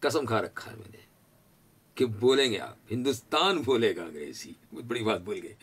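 A man with an Indian accent teaching a spoken-English lesson, repeating words slowly for drilling and chuckling often. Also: medium pitch, animated, fairly bright tone, slightly rough.

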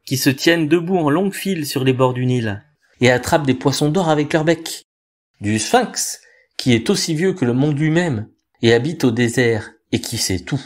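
Un homme qui lit un conte de fées à voix haute, d'un ton calme, mesuré et expressif. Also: male voice, medium pitch. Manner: calm, measured, expressive. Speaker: storyteller. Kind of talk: reading a fairy tale aloud.

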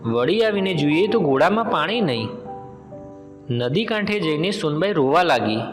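A man's voice: fairly high pitch, normal speed. Male storyteller, roomy hall, music behind. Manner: steady, plain storytelling. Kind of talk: scripted folk tale narration. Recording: reverberant hall with background music.

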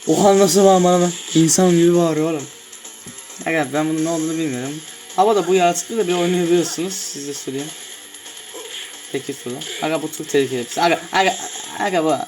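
A young man casually commenting on a fighting game as he plays, often shouting in surprise and swearing. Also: fairly high pitch, fast, low-quality recording. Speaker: gameplay streamer. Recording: music clearly heard behind.

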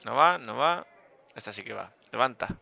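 A man giving joking, self-mocking commentary over a poker game, with bursts of loud excitement. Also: mid-range voice, moderate pace, gravelly, lo-fi sound. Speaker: gaming youtuber.

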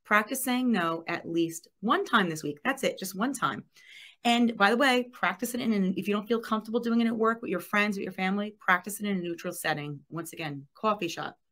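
Bright-voiced presenting woman, lively. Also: mid-range voice, brisk. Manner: lively, reads chat comments aloud with laughs. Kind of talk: webinar presentation.

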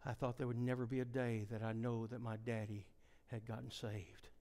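This revival preacher is a middle-aged man who spins homespun stories, moving between soft near-whispers and shouted high points. He speaks at medium pitch and normal speed, though his delivery stays flat.

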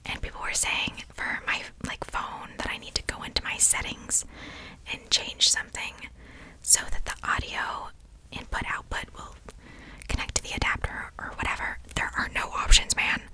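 A woman's voice: moderate pace, poor audio. Young woman whispering casual ASMR. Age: young adult. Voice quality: breathy whisper. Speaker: ASMR creator. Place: small indoor bedroom. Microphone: large desktop condenser microphone, very close.

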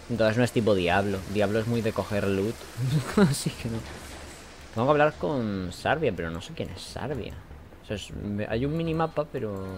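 A man with a Spain Spanish accent giving casual let's-play commentary, chatty and mumbling his asides, with bursts of shouting. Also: lowish voice, a little hiss or hum. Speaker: gaming host.

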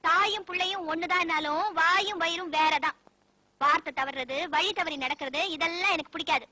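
An actress playing a stubborn young bride who talks firmly and scolds. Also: female voice, very high voice, fairly even intonation, moderate pace, sharp tone, slight background noise. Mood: scolding. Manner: firm, scolding.

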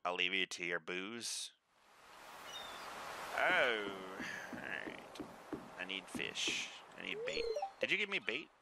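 A man's voice: low voice, big pitch swings, slow pace, vocal fry, pauses often, background noise. A man in his thirties giving casual, joking game commentary, rambling along to himself. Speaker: gaming video host. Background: game music.

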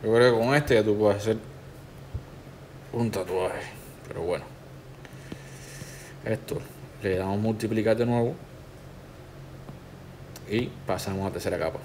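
Male tutor, lowish voice, relaxed step-by-step walkthrough. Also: a little slow, pauses often, slight background noise. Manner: relaxed, instructive, talks the viewer through each step. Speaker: tattoo artist teaching a digital stencil technique.

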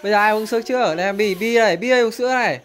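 A woman's voice: mid-range voice, rapid-fire. A woman filming her young children at home, coaxing and urging them to share and apologize in a casual family video.

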